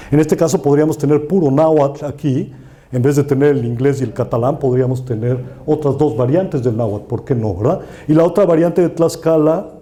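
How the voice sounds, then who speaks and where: A man giving an academic talk with slides at a conference, lively and lecturing, often restarting words. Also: medium pitch. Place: conference room.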